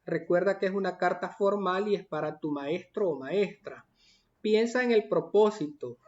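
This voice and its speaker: High-voiced teacher, patient and methodical. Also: male voice, darkish tone, lo-fi sound. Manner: patient, methodical, reads items aloud then explains. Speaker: primary school teacher. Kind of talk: explaining a worksheet to pupils.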